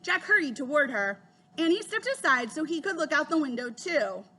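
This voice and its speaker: A woman reading a children's chapter book aloud, giving the children's lines a higher voice. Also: sing-song, moderate pace, pushed and bright. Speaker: reader.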